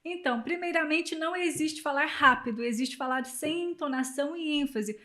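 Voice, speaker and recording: A woman's voice: sits high, moderate pace, bright, forceful tone. A woman with a Brazilian accent, a communication specialist giving emphatic, coaching advice in an interview. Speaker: guest, communication specialist and public speaker.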